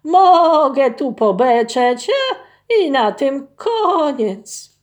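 A slow-witted male ram from a storybook tale, done by a woman reading aloud. He bleats and drags his words out at a slow crawl. The voice sits high and carries loudly. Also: expressive, heavily acted. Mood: dull. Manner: bleating, drawn-out.

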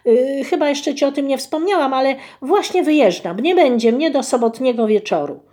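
A woman voicing a fussy, dramatic female goose in a children's story, high-strung and quick to lament. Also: expressive, mellow. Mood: bossy.

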